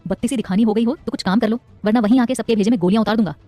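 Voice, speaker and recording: A woman's voice: a little high, racing, warm tone, no echo, soft background music, close to an everyday voice. A woman voicing a hot-tempered young man who talks in curt threats. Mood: angry. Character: hot-tempered young male boss, menacing.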